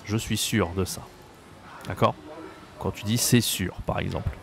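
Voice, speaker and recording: A man teaching French pronunciation, slowly repeating each example word with patient explanations. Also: lowish voice, fairly even intonation, vocal fry.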